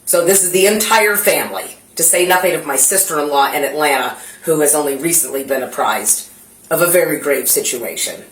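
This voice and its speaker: A woman's voice: low-pitched, fairly quick, roomy sound, low-quality recording. A middle-aged mother giving police a rambling, anxious account inside her home, full of restarts. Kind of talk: tense spoken account to police.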